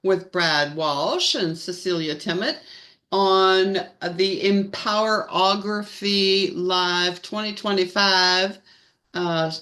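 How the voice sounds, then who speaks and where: Slow-talking woman co-host. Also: medium pitch, fairly even intonation, pushed and bright. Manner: slow, drawn-out announcer-style delivery. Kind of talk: casual live-stream chat.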